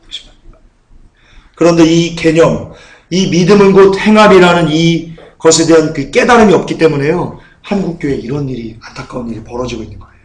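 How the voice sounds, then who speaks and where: Echoey, higher-voiced preacher man. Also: expressive, brisk. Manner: conversational, repeats phrases, asks the congregation questions. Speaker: pastor. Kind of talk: sermon. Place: church sanctuary. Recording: roomy church echo.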